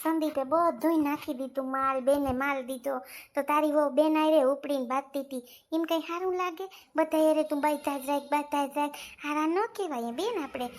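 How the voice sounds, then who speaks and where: A quarrelsome older village mother, played by a woman, scolds her grown children in a thick Kathiawadi Gujarati accent. Her voice sits high, and she complains and repeats her points in a family comedy skit. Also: normal speed, lightly acted. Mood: scolding.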